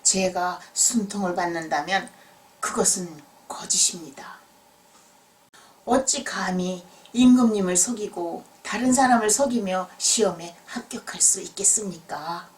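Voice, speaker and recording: A woman's voice: fairly low pitch, measured pace, distant mic, natural voice. A woman storyteller voicing an honest, earnest young male scholar of old Joseon, speaking humbly and formally in a children's tale. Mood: earnest, humble. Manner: humble, formal, clearly spoken.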